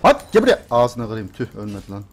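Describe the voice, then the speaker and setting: A man's voice: mid-range voice, huge pitch swings, fast, soft background music. A young man streaming a video game, muttering and cursing to himself, then shrieking in panic when chased. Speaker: gameplay streamer. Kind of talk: live game commentary.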